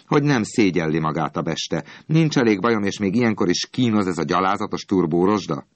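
A man's voice: low voice, expressive, no room sound. A man voicing a desperate, brave male knight in a storybook reading, speaking in exasperated, raised outbursts.

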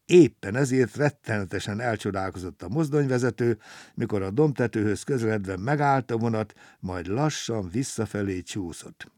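A man reading a children's story aloud in a lively, expressive way. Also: on the low side, dry recording, studio quality.

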